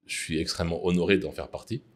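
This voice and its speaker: Very deep-voiced man, measured and hesitant. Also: steady tone. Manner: measured, hesitant with frequent fillers. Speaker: interviewee, mining executive. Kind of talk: formal interview answers.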